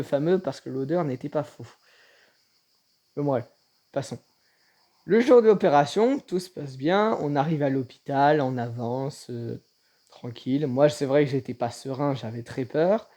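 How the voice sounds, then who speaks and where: A man telling a personal story in a casual vlog, in a halting way with frequent restarts. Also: mid-range voice, mellow. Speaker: vlogger.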